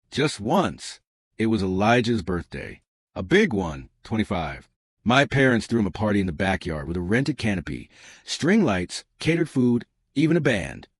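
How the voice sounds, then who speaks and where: Brief: male narrator, low voice with lively pitch, measured and bitter, dry close sound. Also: breathy edge, dry recording. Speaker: story narrator. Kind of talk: scripted first-person narration.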